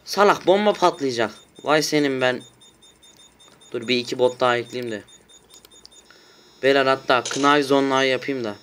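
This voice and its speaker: A man giving loud, excitable commentary while playing a shooter game at home, often shouting and swearing at his teammates. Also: mid-range voice, moderate pace, long pauses. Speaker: gaming YouTuber.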